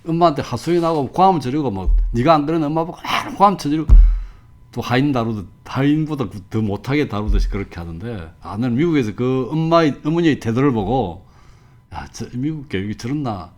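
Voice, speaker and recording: A man's voice: medium pitch, expressive, brisk, darkish tone, soft background music. An older man giving a professor's lecture, reading passages aloud and telling anecdotes in a chatty way. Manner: conversational, tells anecdotes, reads quotes with feeling.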